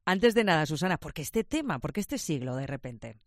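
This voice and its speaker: A woman's voice: deep voice, very animated, a little fast, dry recording, clean studio sound. A woman radio host interviewing an author in a friendly, upbeat manner.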